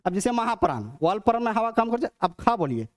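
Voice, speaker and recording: A teacher giving a demo class on phonetics, repeating points, asking questions and answering them, and slowly sounding out letters. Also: mid-range voice, very animated.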